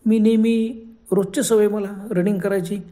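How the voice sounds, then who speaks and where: A man's voice: sits high, flat delivery, unhurried, mellow. Scared winded guy on a morning run, panicky cries, darkish voice, done by the narrator. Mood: puzzled. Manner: panicky exclamations. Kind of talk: storytelling.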